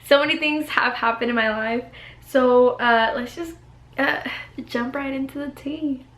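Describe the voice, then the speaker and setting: Her high-pitched, fairly bright voice echoes in a reverberant bedroom as this college-student vlogger in her 20s, recovering from the flu, chats to camera at a measured pace. She's giggly and chatty, full of "like" and "y'all."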